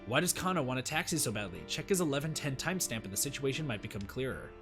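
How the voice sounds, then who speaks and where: A man's voice: medium pitch, animated, quick pace, over music. A young man streaming, reading a visual novel aloud with casual commentary. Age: young adult. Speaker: game streamer.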